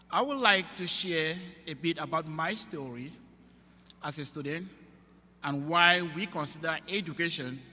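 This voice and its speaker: A young man from Cameroon delivers a prepared commencement address at a podium, his voice pitched a little high and bright. He talks slowly in measured, earnest phrases, and a long reverb from the big auditorium trails after every line. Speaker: student trustee giving a commencement speech. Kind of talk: formal prepared speech. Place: large auditorium. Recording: long reverb of a large hall.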